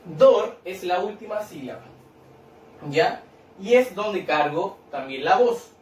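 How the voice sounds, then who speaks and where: Slow, patient male teacher in an echoey room. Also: sits high, expressive, a little mellow, far from the mic, slight background noise. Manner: patient, repeats and claps out syllables, tag questions. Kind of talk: recorded lesson explaining a worksheet.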